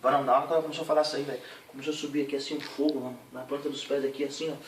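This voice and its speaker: A young man giving an animated, slangy spoken testimony in a church setting. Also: medium pitch, racing. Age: young adult. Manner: slangy, animated storytelling with voiced impressions. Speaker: testimony giver. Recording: echoey room, distant mic, noisy.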